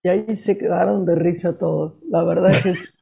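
An older woman with a Rioplatense accent and an unusually deep voice, a guest telling lively anecdotes about her childhood. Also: brisk, creaky. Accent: Rioplatense Spanish. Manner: lively anecdotes told with laughs. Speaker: guest, actress. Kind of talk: casual storytelling.

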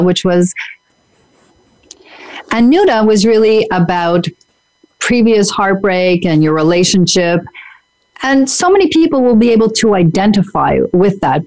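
Woman radio host, medium pitch, chatting like a relationship coach. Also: darkish tone, poor audio. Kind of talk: conversational radio interview hosting.

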